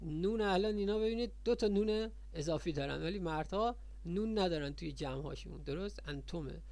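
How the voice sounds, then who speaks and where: A man's voice: high-pitched, a little mellow. A man teaching a grammar lesson in a Persian accent, repeating points and quizzing his students as he explains. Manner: repetitive, quizzing the viewers.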